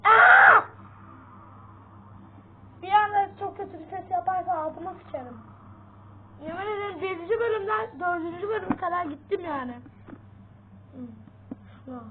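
Jumpy female game streamer with a very high voice, yelps at scares, tinny phone-like line. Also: normal speed, pauses often. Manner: jumpy, yelps at sudden sounds. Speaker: gaming channel host. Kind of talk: casual gameplay commentary. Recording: tinny phone-like sound, faint noise.

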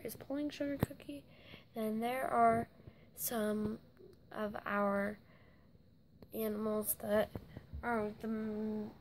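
A young woman casually narrating a tour of her toy horse barn, halting as she lists the names and sometimes dropping to a whisper. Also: on the high side, vocal fry, a little mellow, a little hiss or hum. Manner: halting, stops to list names, drops into whispers. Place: indoor room with toy barn on carpet.

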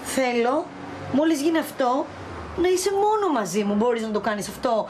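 Actress as a wheedling, insistent mistress; high, animated voice. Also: female voice, slight background noise. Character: demanding mistress pressing her lover.

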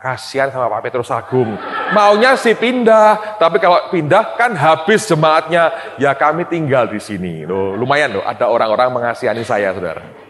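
Guy pastor preaching, swings way up and down in pitch, jumps loud then goes quiet, big hall echo. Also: moderate pace. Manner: animated, with sudden loud high bursts and laughing asides; drops to quiet, low tones for serious moments. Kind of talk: sermon with personal storytelling. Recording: long hall reverb.

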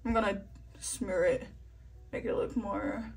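A woman's voice: mid-range voice, steady tone, a little slow, creaky, breathy edge. A tipsy woman chatting casually through a makeup tutorial, rambling, poking fun at herself and swearing freely. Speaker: vlogger doing a makeup tutorial.

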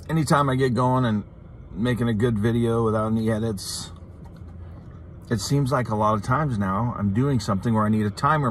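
A middle-aged man talking casually and candidly to a phone in a parked car, confiding and halting, with pauses and repeats. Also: mid-range voice, a bit bright. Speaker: vlogger, channel host. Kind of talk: casual, candid talk to the camera. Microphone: phone at arm's length. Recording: noisy in-car phone recording.

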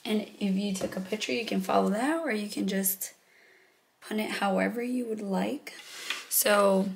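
A woman hosting a craft video, explaining each step in a relaxed, thinking-aloud way and a bit out of breath. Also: medium pitch, unhurried, creaky. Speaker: crafting channel host. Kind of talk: casual how-to narration.

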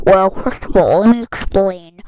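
A woman's voice: medium pitch, unhurried, warm tone, no room sound, highs cut off, natural voice. A woman putting on a know-it-all nerdy girl voice, lecturing pedantically. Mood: smug.

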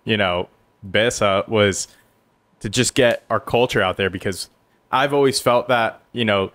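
A man's voice: on the low side, a little slow, fairly bright tone, no room sound. A young man co-hosting a podcast in casual, enthusiastic and rambling chat, at a studio mic. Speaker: podcast co-host. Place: small studio. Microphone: headset and studio mic.

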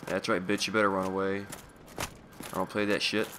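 A man's voice: low-pitched, level tone, fairly quick. A man doing casual gameplay commentary as a raging gamer, swearing freely at the game. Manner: foul-mouthed. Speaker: gamer recording a playthrough. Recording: loud background noise, clicks.

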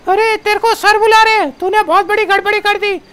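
A man voicing a servile gangster henchman with a squeaky, pinched voice after a punch to the throat. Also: flat delivery, normal speed, sharp tone. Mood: whiny. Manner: whiny, servile.

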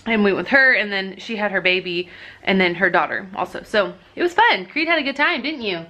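Bright, chatty young mom vlogger. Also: female voice, expressive, a little fast. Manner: chatty, talks in a high sing-song to her baby. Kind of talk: casual home vlog. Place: at home, then by car at a park.

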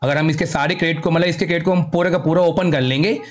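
A man giving casual gaming commentary, excitable and slangy with repeated exclamations. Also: fairly high pitch, fast. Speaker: gaming content creator. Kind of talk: casual game skin showcase commentary.

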